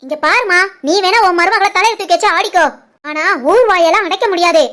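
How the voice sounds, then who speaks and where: A woman voicing a spiteful, taunting young sister-in-law in an animated family cartoon, with a Tirunelveli Tamil accent. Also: very high-pitched, a little fast. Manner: taunting, accusing.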